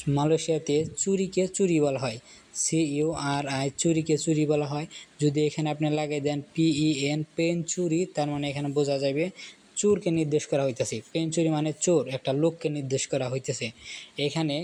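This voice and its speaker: A man teaching a language lesson, explaining slowly and checking understanding often. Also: on the high side, fairly even intonation, dark tone. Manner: explains slowly, repeats words, often asks "ঠিক আছে?". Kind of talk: casual spoken lesson.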